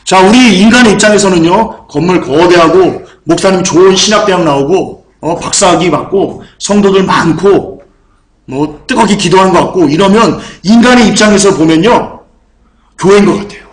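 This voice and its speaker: A fervent male preacher with a high voice, delivering a sermon in an echoey church hall. He drives his points home through repetition and rises into shouted calls. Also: normal speed.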